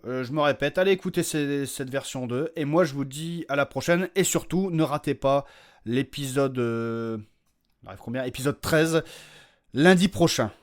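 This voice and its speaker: A man with a mid-range voice, talking at normal speed, hosts his own podcast. As its creator, he makes an unscripted, informal announcement that rambles along in slangy, self-deprecating language.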